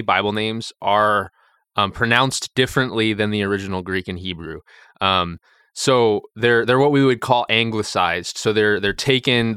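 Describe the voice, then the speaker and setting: Crisp-voiced vicar co-hosting a podcast. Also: male voice, on the low side, sharp tone, no echo, clean studio sound. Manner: thinks aloud with restarts and quick asides, chuckles lightly. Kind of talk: casual Bible study podcast chat.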